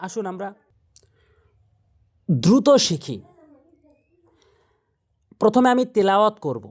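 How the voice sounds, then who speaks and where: Man teaching Quran pronunciation in Bengali-accented speech. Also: high-pitched. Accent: Bangladeshi Bengali. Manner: explains pronunciation step by step, repeats sounds slowly. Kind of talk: Quran recitation lesson.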